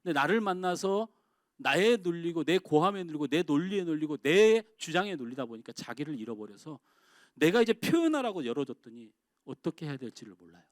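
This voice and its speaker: A man's voice: a little high, very animated, a little fast, no echo. Preaching man, dry close sound. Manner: conversational preaching with rhetorical questions to the congregation; swings between raised exclamations and quiet, dropped phrases. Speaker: pastor. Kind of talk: sermon. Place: church sanctuary.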